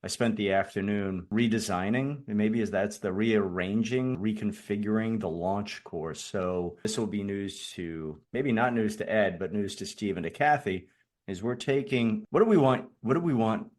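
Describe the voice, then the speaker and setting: A man's voice: lowish voice, normal speed, a little mellow. A congested man with a rattly chest-cold voice hosts a casual online meeting, jokey and rambling. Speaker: host of an online community meeting.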